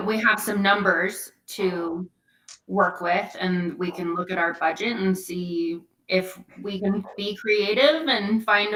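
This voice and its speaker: A woman's voice: medium pitch, pushed and bright. A woman council member in a meeting discussion, earnest and persuasive with ums and restarts. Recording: echoey room, far from mic.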